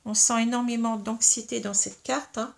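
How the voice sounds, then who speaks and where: A woman giving a tarot reading to her viewers, explaining each card slowly with many fillers and tags, with a slight frog in her throat. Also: fairly high pitch, little pitch movement, vocal fry. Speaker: tarot reader.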